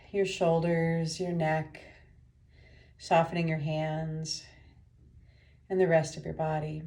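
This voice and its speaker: A woman with a lowish voice guides a meditation as the teacher, speaking gentle, unhurried instructions separated by pauses.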